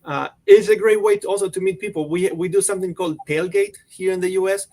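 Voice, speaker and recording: Man, university presenter, casual, lots of fillers, slightly high pitch. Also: fairly even intonation, fast talker, warm tone. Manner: casual, many fillers like "you know". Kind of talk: online info session.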